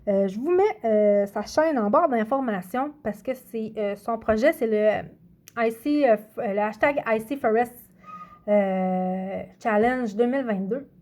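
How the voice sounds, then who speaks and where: A woman's voice: on the high side, measured pace, a little mellow. A woman, vlogging casually to camera, chatty and hesitant as she hunts for words. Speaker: coloring channel vlogger. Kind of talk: casual vlog talk to camera.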